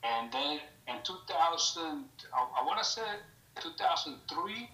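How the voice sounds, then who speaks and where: A middle-aged man from Mexico, a podcast guest telling his story in a relaxed way with loose grammar. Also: on the high side, a little slow, roomy sound, soft background music, low-quality recording. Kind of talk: casual podcast interview.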